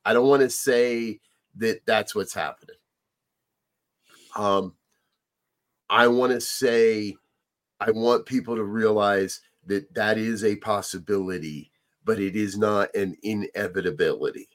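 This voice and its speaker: A man's voice: fairly low pitch, steady tone, measured pace, pauses often. A man hosting a casual talk show with a fellow minister, speaking earnestly and chuckling between points. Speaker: host. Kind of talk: casual chat on current events.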